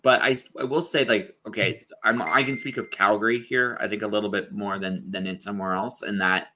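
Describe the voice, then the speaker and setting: Hosting a casual podcast conversation via video call, this Ontario man speaks a little fast in a fairly low, sharp voice with fairly even intonation. He wanders in his talk, often starting over and repeating himself. There's slight background noise.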